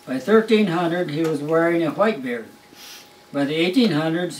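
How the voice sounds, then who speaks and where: An older man reading a Christmas story to his family has a slightly high voice and a wry, amused way of telling it. As a grandfather at home, he's captured in a roomy, distant recording with a little hiss or hum.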